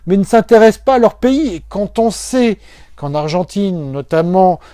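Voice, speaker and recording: Man, high voice, mellow tone, speculative, hesitant, casual explainer. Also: animated, normal speed, clear, resonant tone, dry recording, clean studio sound. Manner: speculative, musing, frequent hesitations. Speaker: football video commentator. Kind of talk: informal explanatory monologue.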